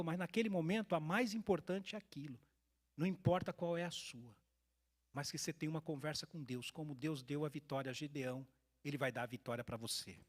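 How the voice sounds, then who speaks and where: A man from Brazil, a pastor preaching a sermon to his congregation, telling stories and speaking to the people in front of him. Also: a little high. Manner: animated storytelling, addressing the congregation directly. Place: church hall.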